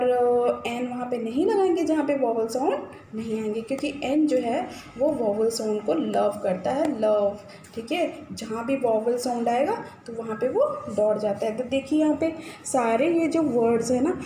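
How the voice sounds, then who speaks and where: A woman's voice: high-pitched, mellow. A woman teaching grammar to students, encouraging and repeating phrases to check they follow. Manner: encouraging, repeats "ठीक है" and addresses children. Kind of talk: classroom-style explanation to students. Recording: echoey room with faint noise.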